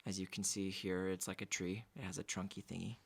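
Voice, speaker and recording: A young man in casual vlog chat, talking in a goofy, deadpan way as a singer-songwriter between songs. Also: sits low, brisk, creaky, very noisy. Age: young adult.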